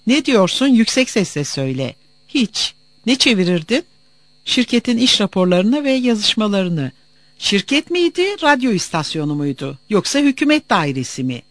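A reader voicing a gruff male soldier interrogating a traveler with short, clipped questions, in an audiobook. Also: mid-range voice, dry recording, pitched above the performer's own voice, lightly acted. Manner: curt, clipped demands.

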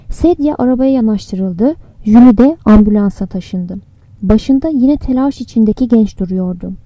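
A woman narrating an audiobook chapter in a steady, even reading voice. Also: a little high, no echo.

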